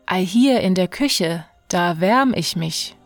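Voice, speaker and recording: A woman's voice: lowish voice, lively intonation, slow, dry recording, soft background music. Woman voicing magic talking blood drops. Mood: innocent.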